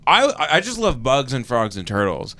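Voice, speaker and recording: Man, from Texas, comedy podcast banter, very lively pitch, bright tense tone. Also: moderate pace. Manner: animated, laughs often. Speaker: podcast co-host.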